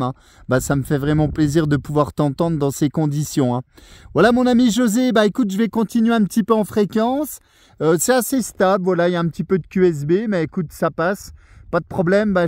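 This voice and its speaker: Outdoors on a mountain at night, an amateur radio operator chats casually and warmly into a handheld radio mic, closing with polite sign-offs. His voice is a little high and darkish, and the sound is dry and studio-clean.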